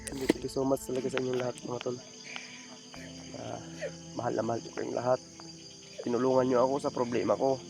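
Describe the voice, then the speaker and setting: A man's voice: mid-range voice, level tone, fast, gravelly, pauses often. Man, vlogger, grateful, earnest, outdoors at night, faint background music. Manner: grateful, addresses viewers as buddies, warm thanks. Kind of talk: emotional vlog talk to viewers.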